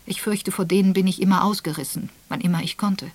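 A woman's voice: medium pitch, fairly even intonation, a little fast, breathy edge, dry recording, voice pushed up, close to an everyday voice. A woman voicing a young secretary who speaks in a raised, hesitant, apologetic way.

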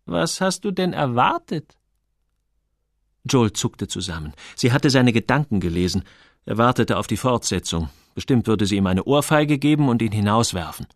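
A man narrating an audiobook in a calm, low and expressive storytelling voice. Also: moderate pace, no echo, clean studio sound.

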